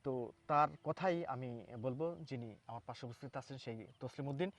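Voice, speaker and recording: A man reporting from Bangladesh who introduces his guest and talks in a halting, repetitive way, full of fillers and restarts. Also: mid-range voice, slight background noise. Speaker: reporter hosting a local news interview. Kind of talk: on-camera interview with a timed demonstration.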